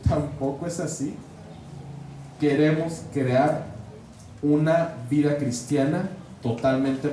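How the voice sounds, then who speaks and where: A man's voice: mid-range voice, warm tone, slight background noise. A man with a Mexican accent teaching a catechist training class in a conversational lecture style, often checking in with his listeners. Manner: conversational, checks in with frequent questions. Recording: very echoey room, voice far from mic.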